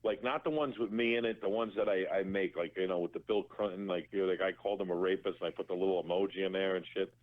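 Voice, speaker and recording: A man's voice: low voice, fairly even intonation, fast talker, hardly any pauses. A man guesting on a radio talk show, telling profane stories and laughing often as he acts out what people said. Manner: profane, laughing storyteller acting out quotes. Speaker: interview guest. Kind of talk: casual storytelling on a radio show. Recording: tinny phone line.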